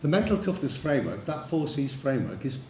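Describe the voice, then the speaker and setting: Speaking in a mid-range, sing-song voice that's brisk and a little mellow, an Englishman presents at a conference, sharing anecdotes and talking straight to his audience. The lecture room sounds echoey, with some faint noise.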